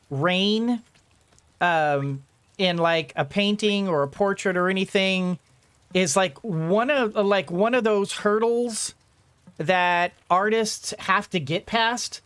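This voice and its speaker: A middle-aged woman hosts a let's-play, rambling through casual commentary as she talks to herself and lets out playful exclamations. Her voice is mid-range and smooth, and she speaks slowly.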